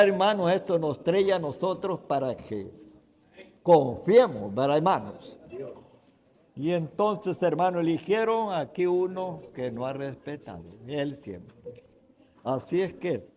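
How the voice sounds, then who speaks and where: A man delivers a Sunday sermon in a fairly high voice, taking his time over every phrase. He speaks in emphatic bursts and keeps turning to the congregation with "brothers" and a questioning "right?". The sound rings with the long reverb of a church hall. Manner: emphatic preaching with sudden loud stresses. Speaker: guest preacher. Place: church sanctuary.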